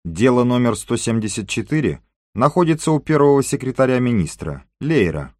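A man's voice: mid-range voice, sing-song, brisk, darkish tone, dry recording, voice pushed up. Cautious Greek informant, voiced by a man, matter-of-fact, dry close audiobook sound. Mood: offhand.

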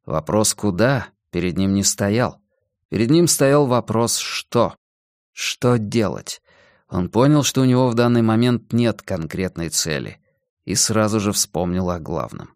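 A man reading a novel aloud as an audiobook narrator, in a measured, deliberate manner. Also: lowish voice, lively intonation, darkish tone, dry recording, clean studio sound. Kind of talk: scripted narration.

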